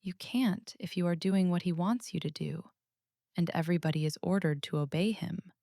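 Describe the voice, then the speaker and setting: A woman voicing an earnest, matter-of-fact little girl who speaks softly but firmly, in a storybook reading. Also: lowish voice, normal speed, vocal fry, no echo, studio quality, pitched above the performer's own voice.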